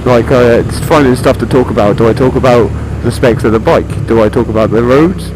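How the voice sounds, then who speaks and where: A British man talks from inside a motorcycle helmet, with clear vehicle noise around him. His pitch is average for a man. He rambles along in an informal, chatty way, like a rider vlogging on the road, and drops in mild swearing. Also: a little fast. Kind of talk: casual motovlog chat to the viewer while riding.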